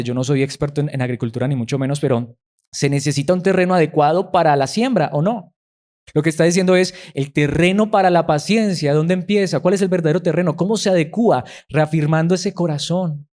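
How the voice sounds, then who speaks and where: Earnest preacher man, higher voice. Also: fairly quick, a little mellow. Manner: earnest, rhetorical questions answered himself. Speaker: pastor. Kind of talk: sermon.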